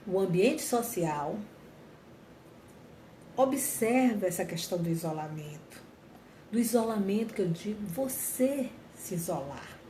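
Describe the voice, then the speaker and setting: An earnest woman talks directly to viewers in a reflective way, often restarting and rephrasing as she goes. Her voice sits at a middle pitch. The room sounds echoey, with a faint background hum. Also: dark tone. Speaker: speaker on mental health.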